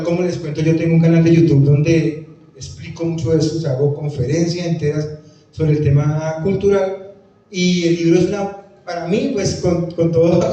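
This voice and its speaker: A man with a Tolima Colombian accent and a fairly high, warm voice gives a conference talk on the Pijao language, responding emphatically to audience questions. He repeats phrases and performs quoted voices, and the echoey hall makes him sound distant.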